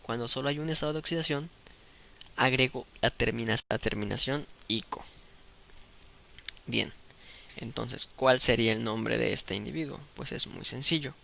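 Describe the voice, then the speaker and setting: A man's voice: mid-range voice, normal speed, creaky, long pauses, pushed and bright, slight background noise. A man teaching a chemistry lesson, explaining step by step in a patient way and checking often that the students follow. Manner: patient, checks understanding with "¿de acuerdo?".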